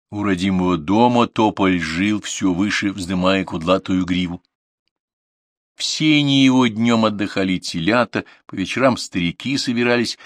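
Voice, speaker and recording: An audiobook narrator reads a short story in a calm, even storytelling manner. This is scripted narration; his voice sits low, and the recording is dry with clean studio sound.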